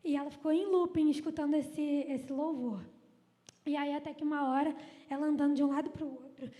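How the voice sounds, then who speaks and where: Woman with a Brazilian accent, very high voice, lively testimony, church hall with long echo. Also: brisk. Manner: lively storytelling, acting out quoted people. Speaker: church speaker giving testimony.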